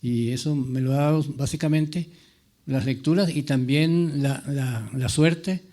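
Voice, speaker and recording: A man from the Latin American mountain highlands, a novelist reminiscing in a halting, digressive way, often repeating his words. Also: steady tone, mellow. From rural mountain highlands of Latin America. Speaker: novelist on a panel. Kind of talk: rambling personal reminiscence.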